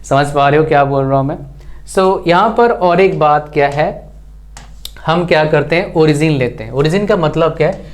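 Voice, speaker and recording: A man's voice: fairly high pitch, moderate pace. A man teaching an exam-prep physics lesson, constantly asking rhetorical questions and answering them himself, mixing terms into his speech. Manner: mixes English terms into Hindi. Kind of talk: online exam-prep lecture.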